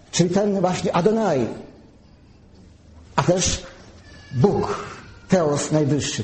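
A man giving a sermon, teaching slowly and carefully and spelling out terms one by one. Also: on the high side, mellow. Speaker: preacher. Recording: echoey room.

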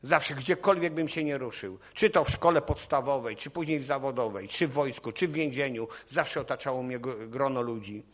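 A man's voice: medium pitch, normal speed, few pauses, a bit bright. A man preaching from a church podium, his delivery impassioned and built on repetition. He folds his own testimony into the sermon, circling back to key phrases as his intensity climbs. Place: church or meeting hall podium.

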